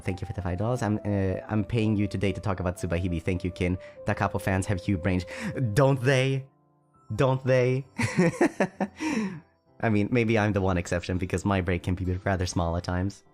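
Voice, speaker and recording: A man's voice: lowish voice, a little mellow. A man streaming casually, reading donations aloud and answering chat, chatty and self-deprecating, often stumbling over his words. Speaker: VTuber streamer.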